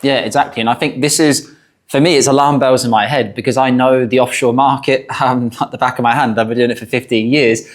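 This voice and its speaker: A middle-aged man hosts a conversational financial discussion. His voice sits at an ordinary mid pitch, and he talks like an adviser explaining things to an audience. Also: steady tone, brisk.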